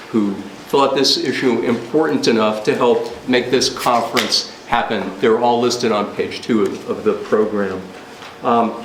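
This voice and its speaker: A man's voice: medium pitch, a little hiss or hum. Man opening a symposium in an echoey hall. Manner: earnest, frequent filler pauses. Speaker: conference organizer. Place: law school lecture hall. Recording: roomy hall with faint ambience.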